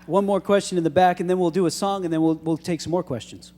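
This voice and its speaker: A man's voice: high voice, fairly even intonation, quick pace, warm tone. Male host in a reverberant hall. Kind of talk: hosting audience Q&A. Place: large church hall with audience. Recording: reverberant hall with crowd noise.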